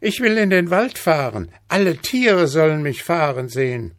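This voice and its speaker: A man voicing a demanding little boy who shouts for more in a shrill, insistent voice. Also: sing-song, normal speed. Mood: eager.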